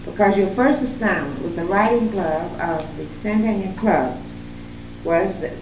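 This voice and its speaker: A woman's voice: medium pitch, unhurried, background noise. A woman songwriter bantering playfully with friends and laughing often. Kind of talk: casual chat among friends. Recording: old echoey tape recorded from far off.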